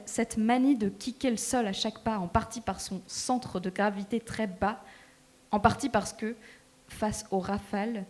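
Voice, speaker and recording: A woman narrating a novel in a live stage reading, measured and expressive. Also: medium pitch. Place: small theatre stage.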